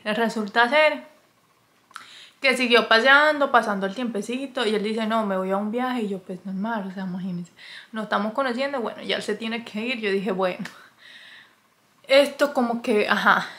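Chatty woman vlogger, slightly high voice. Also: moderate pace, fairly bright tone. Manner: chatty, full of fillers, exclaims in high yelps. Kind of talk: casual storytelling to camera. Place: indoors, wrapped in a blanket in a cold room.

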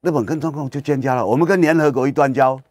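Speaking quickly in a mid-range, darkish voice, a male radio host delivers political commentary from a studio. He lectures emphatically and fires rhetorical questions at his listeners, and the recording is dry.

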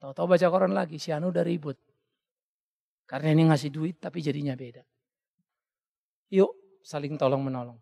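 A male pastor preaching a sermon in an animated way, often acting out the voices of the people he quotes. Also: on the high side, a little fast, creaky, long pauses, long reverb tail. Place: church hall.

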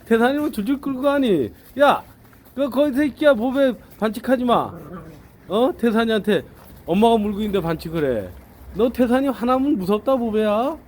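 High, lively man chatting at his dogs. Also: moderate pace, slight background noise. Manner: chatty, laughs often, keeps scolding and calling to the dogs. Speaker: dog owner filming his dogs. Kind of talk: casual running commentary to camera.

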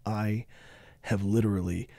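A man's voice: on the low side, steady tone, a little slow, warm tone, dry recording. A man giving a casual board game review, rambling with wry asides and breaking off mid-thought.

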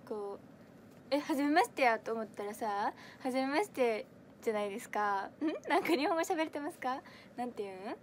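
A bright, high-pitched young woman in her twenties speaks with a strong Kansai accent. She chats on a livestream in a giggly, rambling way, answering viewer comments one after another close to the mic. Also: lively intonation, moderate pace, a little hiss or hum. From Kansai, Japan. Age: 20s. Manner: chatty and giggly, many fillers, answers comments as she reads them. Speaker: idol audition livestreamer. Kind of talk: casual livestream chat reading viewer comments.

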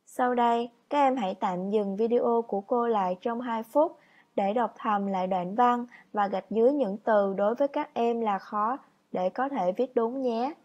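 A woman teacher narrating a scripted lesson for children, instructive, reading example sentences out slowly like dictation. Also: a little high, darkish tone, lo-fi sound. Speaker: primary school teacher. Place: voice-over on lesson slides.

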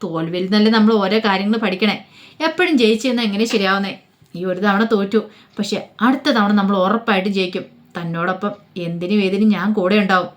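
A young male lawyer in a told story, gently teasing and steady in his support, his words tumbling out at a brisk clip, as a woman storyteller voices him in her own voice. The tone stays warm and encouraging. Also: medium pitch, close to an everyday voice. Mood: reassuring. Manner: gently teasing, then reassuring.

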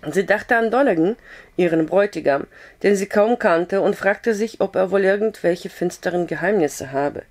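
Hoarse woman reading a novel aloud. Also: mid-range voice, normal speed. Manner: calm, steady storytelling with occasional slips. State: hoarse with a cough. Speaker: audiobook reader.

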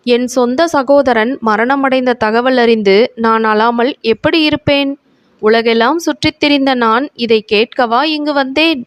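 A sly old sorcerer with a syrupy, falsely grieving way of talking, as a woman storyteller puts him on. The voice sits fairly high and close, with a dry, deadened sound. He coaxes and pretends sorrow to win trust. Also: measured pace, no echo, natural voice. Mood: feigned grief. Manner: sly, syrupy, feigning grief. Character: scheming older male sorcerer, falsely affectionate.

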